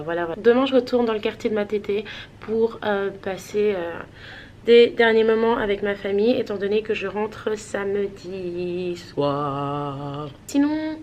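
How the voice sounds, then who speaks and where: A woman's voice: medium pitch, darkish tone, slight background noise. A woman from Switzerland chatting casually to her vlog viewers, rambling with many hesitations. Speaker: vlogger.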